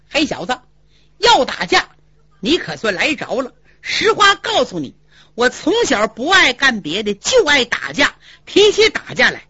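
A woman performs a proud village man spoiling for a fight, scornful and threatening. The voice sits high with a bright edge, dry and close to the mic. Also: dry recording, dull audio, full character voice. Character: fierce proud local chess player, man. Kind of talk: traditional storytelling performance.

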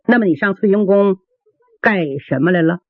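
A woman's voice: medium pitch, moderate pace, husky, no room sound, close to an everyday voice. A woman voicing a proud young princess who scolds and gives orders, in a storytelling performance. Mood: stern. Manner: imperious, scolding. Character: young proud princess, quick-tempered and commanding. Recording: dry, tinny phone-like sound.

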